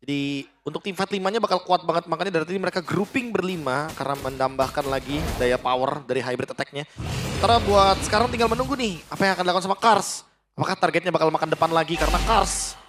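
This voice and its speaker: A man's voice: on the high side, fast, noisy background. A man with an Indonesian accent giving analytical live commentary on a game match, mixing in English gaming jargon. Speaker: esports analyst caster.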